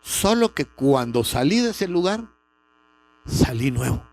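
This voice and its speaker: A man's voice: medium pitch, sing-song, measured pace, darkish tone. A middle-aged man, preaching a sermon with a personal testimony and rising sharply on key words. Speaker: pastor.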